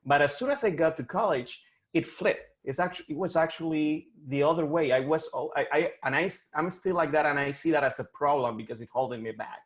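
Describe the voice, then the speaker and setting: Man in his forties, Colombian Spanish accent, halting, lots of restarts, coaching client on a video call. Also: a little high. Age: 40s. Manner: halting, many restarts and repeated words. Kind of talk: one-on-one coaching session over video call.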